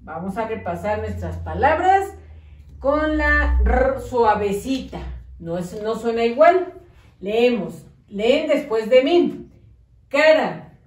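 A woman teaching a slow early-literacy lesson, drawing out syllables and coaxing children to follow along. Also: on the high side, big pitch swings, darkish tone. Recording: echoey room, mic at a distance.

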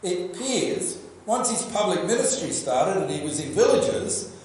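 Older man, Australian accent, pastor, sermon, lively storytelling, questions to the congregation, higher voice. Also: measured pace, a little hiss or hum. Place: church hall with projection screen. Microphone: lectern microphone. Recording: very echoey church room.

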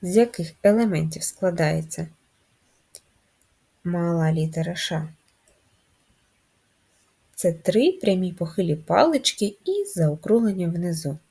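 Female first-grade teacher; lively rising and falling pitch, unhurried, slightly breathy. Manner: slow, drawn-out, sing-song teacher talk. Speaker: primary school teacher. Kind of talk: first-grade literacy lesson.

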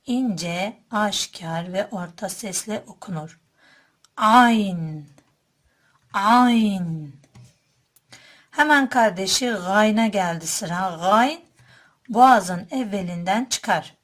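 A woman teacher speaking very slowly and deliberately. She explains each letter in a calm, mid-pitched voice. Then she sounds every letter out twice, louder and drawn out. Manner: calm explanatory tone, addresses listeners as dear friends. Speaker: Quran reading teacher.

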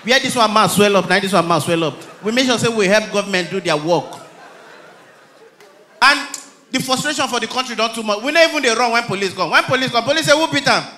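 A man with a Nigerian accent performing a stand-up comedy routine on stage, telling stories in a lively way and acting out the people in them. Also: sits high, brisk, a little hiss or hum. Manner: lively storytelling, acting out characters.

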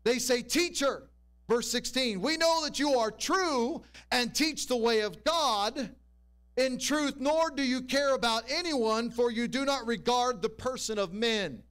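A man's voice: very high voice, measured pace, fairly bright tone, clean tone. A man preaching a sermon in a church, walking the congregation through scripture and checking in with rhetorical questions. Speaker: pastor.

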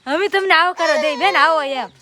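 A woman with a Gujarati accent, a visiting relative, talking briskly and warmly in casual conversation. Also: very high voice, a crowd in the background. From Gujarat, India. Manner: brisk, welcoming, talkative.

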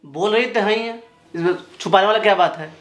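A man's voice: high-pitched, fairly quick, fairly bright tone, roomy sound. A man playing a boyfriend in a domestic quarrel skit, dismissive and brushing people off. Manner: dismissive, shooing people away. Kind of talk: improvised Hindi comedy-drama skit.

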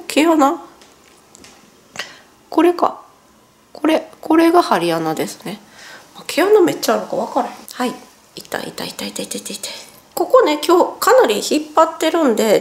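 Her voice high-pitched and a little mellow, a Japanese vlogger in her 40s chats casually at home. She sounds slightly sluggish and strained following nose surgery, wincing in pain and fixing her own words along the way.

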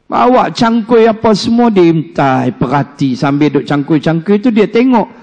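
Animated preacher in a reverberant mosque. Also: male voice, high-pitched, normal speed, lo-fi sound. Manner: animated storyteller, jokes, acts out quoted speech. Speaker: religious teacher. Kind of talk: mosque lecture with storytelling. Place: mosque hall.

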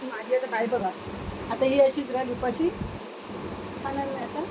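A woman's voice: high voice, fairly even intonation, moderate pace. A woman vlogging at home, coaxing her pets in repetitive baby talk. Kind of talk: casual home vlog. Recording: noisy background with passing vehicles.

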